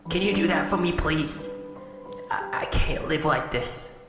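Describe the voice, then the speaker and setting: A woman playing a low-voiced, battered, crass robot. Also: a little slow. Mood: pleading. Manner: slangy, stammering, world-weary wisecracking. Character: battered old female pleasure robot, crass, jaded, needy. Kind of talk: video game character acting. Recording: echoey hall reverb with music behind. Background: music.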